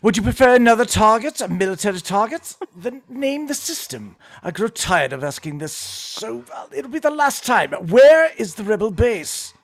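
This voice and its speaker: Man putting on an icy British imperial commander, measured and menacing, lively pitch swings. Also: full character voice. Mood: threatening. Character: cold, imperious older male imperial commander. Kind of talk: playful scene reading.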